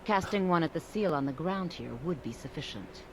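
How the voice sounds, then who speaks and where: A stern high elf gate mage in a fantasy video game. Her voice sits low but moves a lot in pitch, with formal, measured phrasing. A light background noise runs under it. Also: animated. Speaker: college gate guard.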